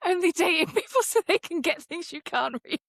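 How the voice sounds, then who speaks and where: A woman's voice: extremely high pitch, normal speed, no echo, studio quality. A woman co-hosting a podcast in casual chat, a responsive listener who often chimes in. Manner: lively, responsive listener with frequent laughs and backchannels. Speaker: podcast co-host.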